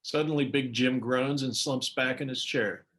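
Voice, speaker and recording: A man reads stage directions in a plain, even narration for a play reading. His pitch sits in the middle range. He is heard over a video call. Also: moderate pace.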